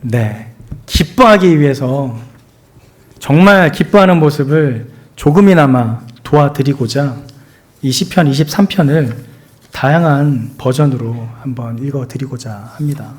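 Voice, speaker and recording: A man preaching a sermon as pastor, earnest and expressive, leading the congregation in reading. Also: mid-range voice, measured pace.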